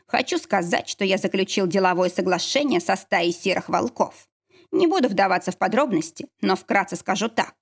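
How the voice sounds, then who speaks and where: A woman's voice: medium pitch, lively intonation, normal speed, creaky, breathy edge. A woman reading the lines of a stern old male werewolf pack leader in an audiobook, formal and commanding.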